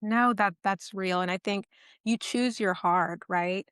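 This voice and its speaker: A woman's voice: medium pitch, a little slow, fairly bright tone, clear, resonant tone, dry recording, clean studio sound. A woman coach hosting an interview, affirming and encouraging her guest. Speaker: weight loss coach and host. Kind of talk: casual interview.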